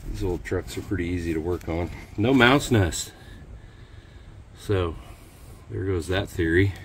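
In this casual walkaround vlog, a man shows his old truck outside and in the cab, holding a phone camera. He's a homesteader with a deep voice and measured pace, talking offhand, thinking aloud and cracking dry jokes over slight background noise.

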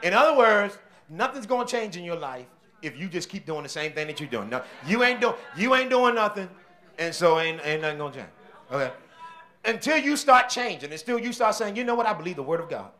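A man preaching a sermon as senior pastor, with call-and-response shouting bursts and quieter stretches. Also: high-pitched, very animated, a little fast. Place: church.

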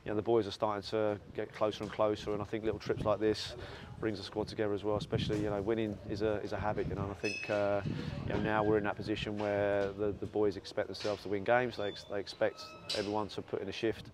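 A man, a football manager giving a post-match interview, talking quickly with lots of repeats and fillers. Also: lowish voice, completely flat delivery. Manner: fast, repetitive, filler-heavy talk. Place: outdoor stadium stands at night. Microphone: lapel mic. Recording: noisy outdoor windy stadium.

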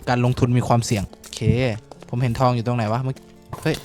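Brief: young male game streamer, mid-pitched voice, swears freely, yells in panic, faint game music behind. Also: level tone, fast. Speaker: gaming streamer. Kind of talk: casual Minecraft let's-play commentary.

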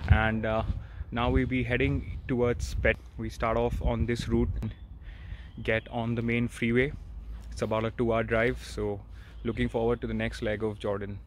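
A man's voice: medium pitch, moderate pace. A man in his thirties talking casually to camera on a road trip, with lots of fillers. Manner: relaxed, informal, many fillers. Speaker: travel vlogger. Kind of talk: casual travel vlog. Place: outdoors and in a car.

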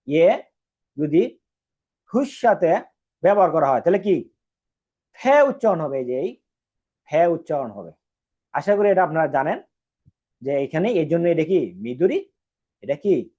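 A man's voice: on the high side, mellow, slightly rough. A man teaching a Japanese lesson, explaining step by step and repeating each phrase. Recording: dull lo-fi recording.

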